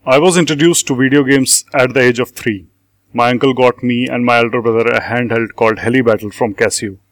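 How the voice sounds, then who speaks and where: A man's voice: mid-range voice, steady tone, fairly quick, no echo. A man from India with an Indian accent, a game tester guest reading prepared interview answers formally. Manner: formal, read-aloud.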